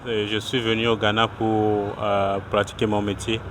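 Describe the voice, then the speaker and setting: A low-voiced man from Togo, a cook, answers questions at an outdoor street food stall. He talks haltingly and restarts his sentences often. Faint street noise hums behind him. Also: monotone, a bit bright. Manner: hesitant, many restarts and fillers. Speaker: cook and small restaurant owner. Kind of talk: casual interview answers.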